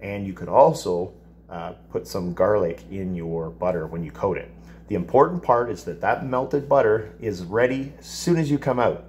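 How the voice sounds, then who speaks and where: A man in his fifties teaching a casual cooking demonstration in a home kitchen, explaining each step in a relaxed, chatty way. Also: lowish voice, normal speed. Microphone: camera across the counter.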